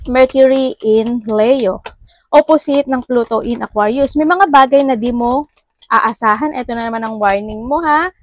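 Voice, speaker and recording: A woman's voice: fairly high pitch, normal speed. A woman from the Philippines giving a casual horoscope and tarot reading, chatty and full of tag questions. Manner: chatty, mixes English into Tagalog, frequent tag questions. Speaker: tarot reader.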